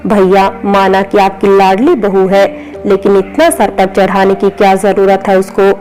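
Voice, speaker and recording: A woman's voice: medium pitch, level tone, unhurried, a little mellow, close to an everyday voice, rough recording. Lady reading a jealous nagging aunt, bitter, storybook. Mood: resentful. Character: jealous, spiteful middle-aged aunt.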